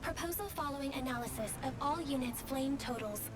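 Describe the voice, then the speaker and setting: A woman's voice: high-pitched, a little fast, music in the background, close to an everyday voice. A woman voicing an obedient, emotionless female soldier in a video game, reporting in clipped, formal, robotic phrases. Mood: impassive. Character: obedient, emotionless young female soldier unit in a war machine.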